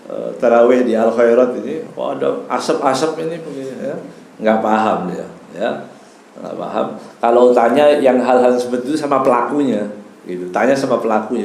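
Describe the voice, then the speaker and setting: A male preacher talks his congregation through the etiquette of prayer in a relaxed, chatty way, glossing Arabic phrases as he goes and dotting his sentences with short tag words. His voice sits at an ordinary middle pitch. It rings around a reverberant mosque room, with a faint murmur of ambience behind him. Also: slight background noise. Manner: explains Arabic terms in casual Indonesian, frequent tag "ya". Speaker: Islamic preacher. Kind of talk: mosque study talk. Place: mosque hall.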